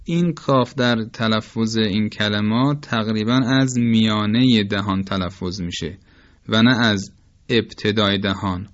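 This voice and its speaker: A man teaching Quran recitation rules in a formal, careful lecture, slowly demonstrating each throat and mouth sound aloud. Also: lowish voice, highs cut off. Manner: formal and polite toward listeners. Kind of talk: instructional lecture on tajweed.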